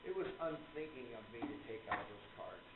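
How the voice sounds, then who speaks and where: Heard through loud noise and a thin, phone-like filter, a man plays a courtly gentleman author in a radio play, expounding his faith formally and earnestly like a devoted believer in the spirit world. His medium-pitched voice is lively in intonation, moderately paced, reverberant, and close to an everyday voice.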